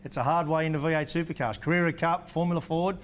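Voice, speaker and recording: Man, slightly high voice, chatty pit-lane reporter, faint room ambience. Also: fairly even intonation, fast, a little hiss or hum. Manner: chatty, direct questioning. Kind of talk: television interview.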